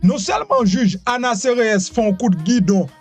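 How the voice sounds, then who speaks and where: A Haitian man with a Haitian accent giving animated immigration news commentary, repeating himself and asking rhetorical questions. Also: extremely high pitch, normal speed, husky, soft background music. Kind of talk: news commentary mixing Creole, French and English.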